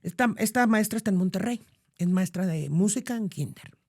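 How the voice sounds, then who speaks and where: Animated woman telling a story. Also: medium pitch, a little fast. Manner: animated, acts out quoted voices. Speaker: podcast guest. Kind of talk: casual conversational storytelling.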